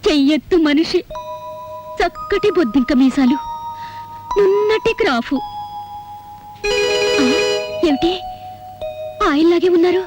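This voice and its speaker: A tearful pleading wife. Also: female voice, extremely high pitch, animated, slow pace, pauses often, full character voice. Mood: boastful. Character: distraught middle-aged wife seeking her husband. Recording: film soundtrack with music behind.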